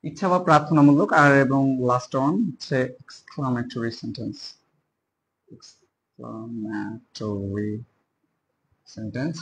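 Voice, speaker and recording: A man giving a casual spoken grammar lesson, spelling terms out letter by letter and stretching key words slowly. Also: mid-range voice, fairly bright tone, lo-fi sound, slight background noise. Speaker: teacher.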